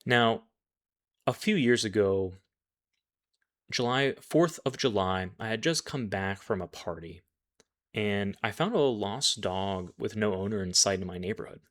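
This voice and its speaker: A life coach with a voice on the low side tells a personal story in a measured, reflective manner, occasionally correcting himself.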